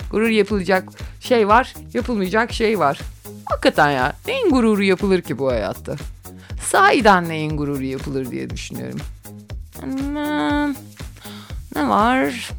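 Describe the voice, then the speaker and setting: A woman in her forties chatting casually and gossipily on her own show, often dropping into whispered asides. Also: medium pitch. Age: 40s.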